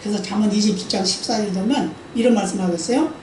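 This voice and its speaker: In a spacious church sanctuary mid-service, a woman pastor speaks fast in a medium-pitched, slightly mellow voice. Her sermon is conversational, with frequent requests for an amen and acted-out quotes in her stories. The mic is distant, and there is slight background noise.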